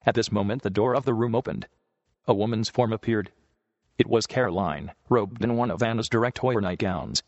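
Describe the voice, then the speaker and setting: A man with a fairly low voice reads a story aloud at an even, measured pace. The sound is dull and lo-fi, with a long reverb tail over a close, dry voice. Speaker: narrator.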